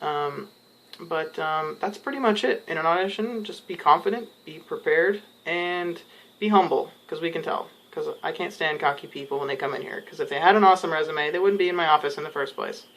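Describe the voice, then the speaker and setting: A man's voice: a little high, brisk, fairly bright tone, a little hiss or hum, low-quality recording. Rambling man giving casual advice. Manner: rambling, goes off on tangents; many fillers like "um" and "you know". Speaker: casting director giving audition advice.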